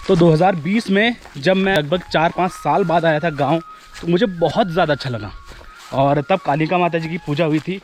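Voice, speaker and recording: A man's voice: a little high, darkish tone, a little hiss or hum. A young man from India, chatting casually to viewers as he walks on a forest hillside, often repeating his phrases. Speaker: travel vlogger. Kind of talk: casual vlog narration while walking.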